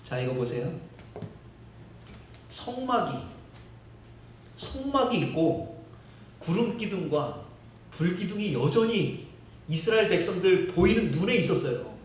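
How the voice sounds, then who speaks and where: A man's voice: sits high, sing-song, unhurried, pauses often, slight background noise. A male pastor preaching a sermon, telling the story vividly, acting out quotes and chuckling. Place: church sanctuary. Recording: very echoey hall, distant mic.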